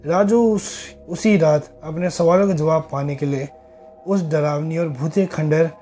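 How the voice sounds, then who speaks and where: A man narrating a horror story in a slow, suspenseful telling. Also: on the high side, warm tone, soft background music.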